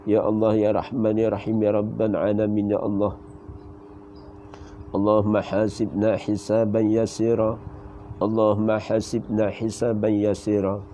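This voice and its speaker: A Malaysian man with a Malaysian Malay accent leading the closing supplication of a sermon, reciting prayers in a steady chanting flow. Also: fairly low pitch, unhurried. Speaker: religious teacher leading prayer. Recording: muffled lo-fi audio with faint hiss.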